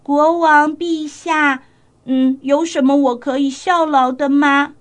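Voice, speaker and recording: 女人扮演的温柔有礼的小女孩. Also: female voice, very high voice, measured pace, pitched above the performer's own voice. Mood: tender. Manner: polite, pleading. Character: sweet, polite little girl who loves her lamb.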